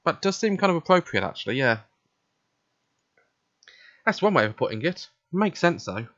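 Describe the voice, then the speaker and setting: This let's play reader has a fairly high, very animated male voice with a slightly bright tone, moving at a moderate pace. He reads the visual novel casually and conversationally, acting out lines as the protagonist, on a lo-fi recording.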